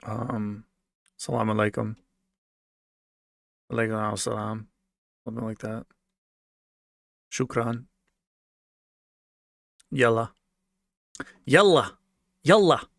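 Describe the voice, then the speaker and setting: A U.S. man from a military family that moved around responds to viewer comments slowly, with long pauses, in a fairly low, creaky voice. His talk is casual and unscripted, a bit rambling and repetitive. The recording is clean studio sound without echo.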